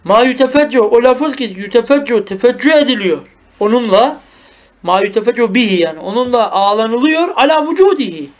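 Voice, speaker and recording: High-voiced man teaching Arabic grammar. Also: lively intonation. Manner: explains line by line, often asks "tamam mı?"; reads Arabic text slowly and acts out mourning cries. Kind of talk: traditional madrasa lesson.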